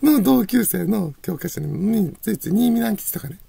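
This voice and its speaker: A woman's voice: medium pitch, expressive, moderate pace, creaky, warm tone, breathy edge, no echo. A woman with a Kansai accent telling a rambling personal story, laughing often between phrases. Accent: Kansai Japanese. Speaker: channel host.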